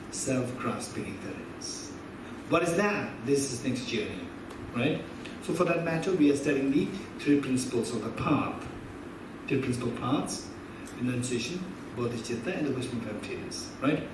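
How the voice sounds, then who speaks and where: A man in his fifties teaching Buddhist philosophy to an audience in a conversational way, quizzing listeners and repeating key phrases. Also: medium pitch. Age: 50s. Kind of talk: teaching talk with audience questions. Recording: echoey hall from far off with background noise.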